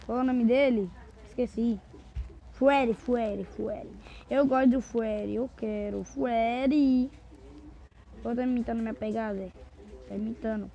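A man with a Brazilian accent giving excitable, jumpy let's-play commentary to viewers. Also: very high-pitched, measured pace, vocal fry, pauses often. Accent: Brazilian Portuguese. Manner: excitable, jumpy, talks to viewers while playing. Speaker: gamer. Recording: dull lo-fi recording.

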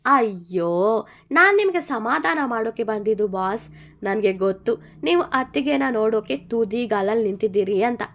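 A woman's voice: on the high side, animated, normal speed, a bit bright. A woman voicing a cheeky, joking young man, the hero's loyal friend, in a told story. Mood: hurt.

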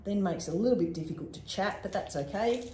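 A woman's voice: mid-range voice, animated, fast talker, warm tone. A woman chiropractor giving a casual, step-by-step demonstration, chatty and practical. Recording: echoey room, faint background noise.

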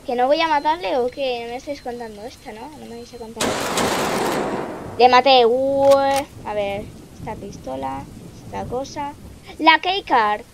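A woman, commentating her gameplay in an excitable way and often shrieking or laughing. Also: fairly high pitch, normal speed, creaky, heavy background noise. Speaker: gaming streamer.

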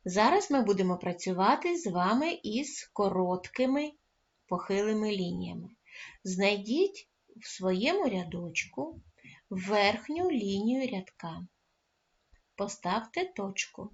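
A woman primary school teacher giving a recorded lesson to first graders, speaking gently and praising the children often. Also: mid-range voice, big pitch swings, takes it slowly, highs cut off.

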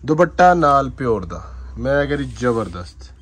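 A man gives informal, effusive shop sales patter, dramatic and full of drawn-out exclamations. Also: mid-range voice, very animated. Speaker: shop seller presenting suit fabrics. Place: indoor fabric shop with tiled floor. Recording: clearly noisy shop-floor phone recording.

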